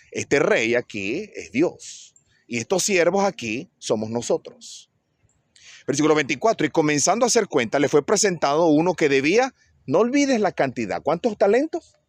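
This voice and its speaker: A man, a pastor giving an animated sermon who keeps putting questions to the congregation. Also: on the high side, dry recording, studio quality.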